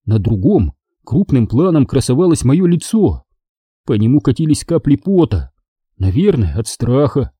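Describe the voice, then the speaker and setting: A man reading a children's book aloud as scripted narration, in a lively way. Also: moderate pace, husky, no echo, clean studio sound. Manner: lively reading, raised pitch for the boy's shouted lines. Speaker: audiobook reader.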